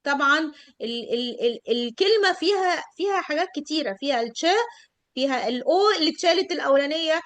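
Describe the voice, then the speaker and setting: A middle-aged woman with an Egyptian Arabic accent teaching English pronunciation in an online class, stretching out model words slowly. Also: sits high, animated, fairly bright tone, no room sound.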